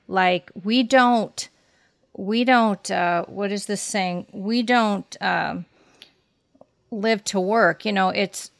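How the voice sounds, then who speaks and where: A woman's voice: mid-range voice, no room sound. A woman hosting a casual podcast conversation, reflecting aloud and sometimes searching for her words. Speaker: podcast host.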